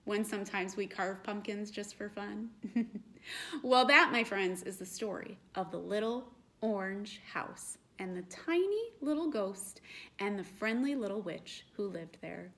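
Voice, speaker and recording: A woman children's librarian reading a storytime tale aloud, gently asking the children questions. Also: medium pitch, expressive, unhurried.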